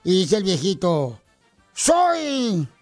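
A man's voice: high-pitched, wildly swooping pitch, extremely slow, soft background music, full character voice. A man playing Casimiro, a goofy male joke teller on a radio comedy show, who rambles, repeats himself and makes sound effects. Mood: joking.

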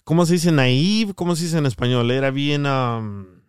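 A man hosting a podcast, telling stories in a lively way and repeating words for emphasis. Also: mid-range voice, normal speed, clear, resonant tone, no room sound, clean studio sound. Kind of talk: casual storytelling chat.

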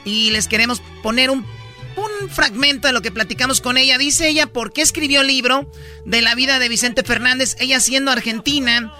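A man hosting a radio show, introducing an interview segment in a relaxed, chatty way. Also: very high voice, brisk, faint music behind. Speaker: radio host.

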